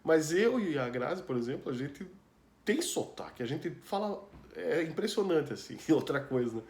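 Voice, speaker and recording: A man's voice: fairly high pitch, very animated, normal speed, a little mellow. A man from Brazil with a Brazilian Portuguese accent, telling a personal story in a loose, chatty way. He fills his talk with asides and tag questions and laughs often. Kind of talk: casual storytelling chat. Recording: roomy echo with faint ambience.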